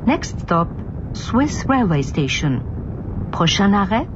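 A woman calling out the stops in a slow, measured, formal manner, heard over a bus loudspeaker. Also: big pitch swings. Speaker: transit stop announcer. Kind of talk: recorded stop announcements. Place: inside a moving city bus. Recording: muffled bus speaker with vehicle noise. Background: bus engine and road rumble.

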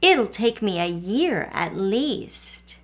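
A proud old grandmother drawls her homespun folksy speech slowly, drawing words out as she muses over her quilt, put on by a woman reading a storybook aloud. She sounds older and gentle, speaking at an unhurried pace. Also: mid-range voice, sing-song. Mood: fond. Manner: folksy dialect speech, slow and drawn out.

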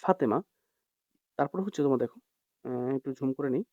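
Expressive and slightly fast, this mid-range male voice has a darkish tone and no room sound. He works through an Arabic text line by line in class, giving a translation for each word and checking in with students. The audio sounds dry, dull and lo-fi.

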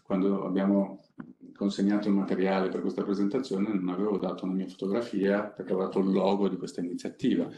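A middle-aged man speaks from a panel table, presenting without a script and pausing often as he goes. His voice sits low. The room around him rings with echo, and faint background noise runs underneath. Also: level tone, mellow. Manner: conversational, unscripted, halting with frequent pauses. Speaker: company innovation director presenting a project. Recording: echoey conference room.

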